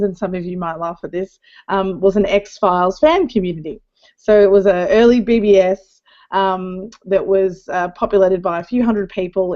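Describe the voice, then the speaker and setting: A woman's voice: on the low side, warm tone. A woman on a panel video call, talking reflectively with many fillers and restarts. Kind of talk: casual panel chat. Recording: muffled video call audio.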